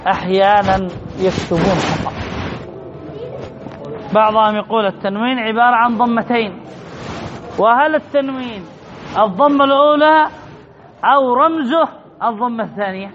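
A man's voice: high-pitched, moderate pace, pauses often, a bit bright, dull audio, a little hiss or hum. A man teaching an Arabic grammar lesson, stressing and repeating key points and quizzing his students as he goes. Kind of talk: classroom lesson.

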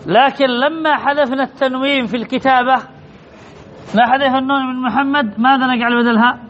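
A man with a very high voice teaches grammar in an emphatic way, repeating each point and asking his students questions. The recording is dull and lo-fi. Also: steady tone, fairly quick, a bit bright. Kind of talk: classroom lesson.

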